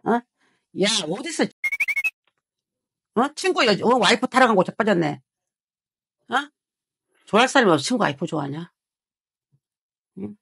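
Woman fortune teller, scolding and swearing, animated swings in pitch, dry room. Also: moderate pace, gravelly, pauses often, husky, no echo. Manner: harsh scolding with swearing and repeated rhetorical prods. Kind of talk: heated consultation with a client.

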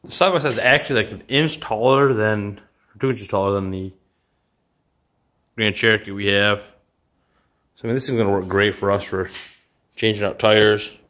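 In a casual walkthrough vlog, a man films his garage and yard, partly outdoors, on his phone while chatting offhandedly with plenty of fillers and rambling. His voice sits on the low side and is a bit bright, at a moderate pace with frequent pauses.

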